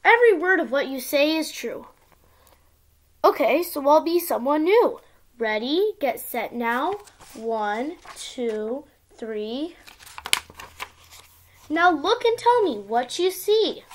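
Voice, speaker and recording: A girl of about ten with an expressive, sing-song delivery, reading a storybook aloud as if to small children. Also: high-pitched, slow, long pauses, slight background noise. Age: child, around ten. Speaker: young video channel host reading a picture book. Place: small indoor room at home.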